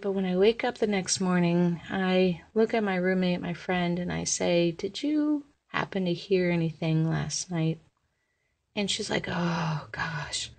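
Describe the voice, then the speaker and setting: A young woman casually telling her own ghost story, rambling and animated, with plenty of fillers. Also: fairly low pitch, creaky. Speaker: listener sharing a ghost story.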